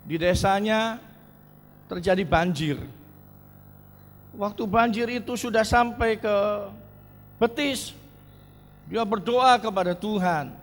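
A male pastor delivers a sermon in a high voice, taking his time over every phrase. He tells stories and draws answers from the congregation. His words ring out with the long reverb of a church hall. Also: slow, pauses often. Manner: storytelling with call-and-response to the congregation.

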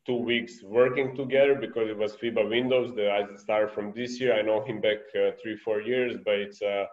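This thirty-something man, a basketball coach with a Serbian accent, talks at a moderate pace in a lowish voice with fairly even intonation. He's a guest giving a conversational online presentation over a muffled, echoey video call from a bright room beside a window.

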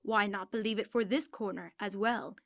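A woman reading an audiobook in first person, with earnest, steady storytelling. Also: mid-range voice, normal speed, creaky, no room sound, studio quality. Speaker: audiobook narrator.

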